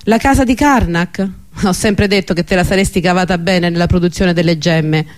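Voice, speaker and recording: A heavy, fussing middle-aged mother, as a man narrating puts her on, raspy and full of exclamations. The voice is pitched fairly high, and it is an audiobook reading. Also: normal speed, natural voice.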